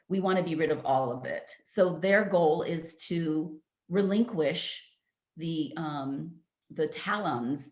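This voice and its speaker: A woman talking in a chatty, animated storytelling way, often saying "like" and "you know", who slows down and turns reflective when she explains a teaching. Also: on the low side. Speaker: spiritual talk host. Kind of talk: personal storytelling talk. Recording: roomy echo.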